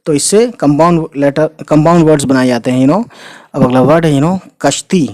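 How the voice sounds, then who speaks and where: Man, teaching tone, fairly high voice, letter-by-letter spelling, close dry sound. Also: a little mellow, dry recording. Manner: spells letters out slowly, often adds 'ठीक है' and 'you know'. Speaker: language teacher. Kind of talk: explaining Urdu words while writing them.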